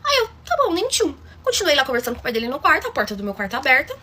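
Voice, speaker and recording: Woman spilling a story, talks super fast, kinda high voice, dramatic and chatty. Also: very animated, bright, forceful tone. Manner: dramatic, chatty, addresses listeners directly. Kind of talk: casual storytime.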